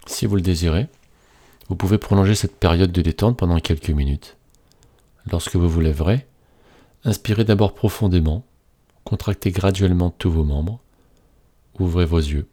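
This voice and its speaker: Slow and soothing like a hypnotist, a man with a low, mellow voice reads a scripted guided relaxation, repeating phrases as he goes.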